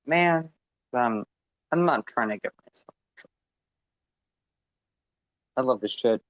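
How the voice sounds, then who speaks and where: A man's voice: mid-range voice, lively intonation, measured pace, dry recording, highs cut off. A man speaking as a guest on a live online audio panel, passionate, profane and rambling. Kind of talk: impassioned live audio-room talk. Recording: online audio-room stream.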